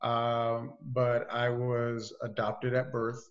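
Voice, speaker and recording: A man being interviewed on a podcast, telling a family story in an easygoing, halting way. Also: medium pitch, completely flat delivery, dull audio. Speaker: podcast guest. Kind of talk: casual interview chat.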